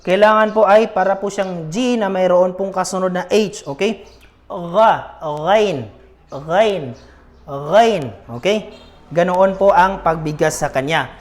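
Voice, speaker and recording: Man, high voice, patient teacher, beginner language lesson, repeats letter sounds. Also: steady tone, moderate pace. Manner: patient, repeats each letter sound, polite filler words. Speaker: Arabic teacher.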